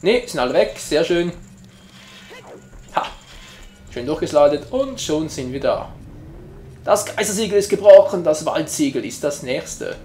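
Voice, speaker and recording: A man's voice: on the high side, sing-song, a little slow, long pauses, dark tone, reverberant, soft background music. A man giving casual, jokey gameplay commentary as a let's player, chatting to his viewers.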